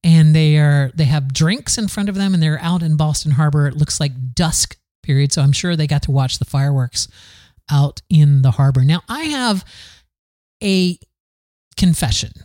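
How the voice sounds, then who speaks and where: A man's voice: on the high side, moderate pace, a little mellow, no room sound, clean studio sound. A man from the American South hosting a podcast, talking in a candid, rambling solo monologue full of restarts. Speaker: podcast host.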